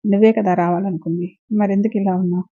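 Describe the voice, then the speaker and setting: A woman voicing a gentle, concerned middle-aged father who asks soft questions, in a dull lo-fi recording. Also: medium pitch, fairly even intonation, quick pace, no echo, natural voice.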